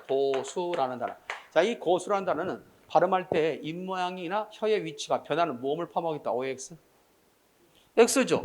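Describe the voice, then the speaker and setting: A man lecturing on Korean grammar for civil service exam students, quizzing the class with rhetorical questions and mixing formal and casual speech. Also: on the high side. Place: lecture room with blackboard.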